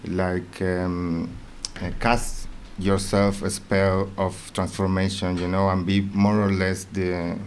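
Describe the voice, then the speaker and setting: Halting male podcast host. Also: sits low, little pitch movement, darkish tone, a little hiss or hum. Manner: halting, searching for words. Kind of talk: casual interview chat.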